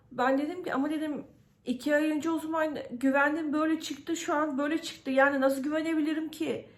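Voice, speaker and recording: This Turkish vlogger's voice is a little high and a little mellow as she shares her story on camera in a casual vlog. Frustrated, she vents with plenty of fillers and reenacts what others said to her.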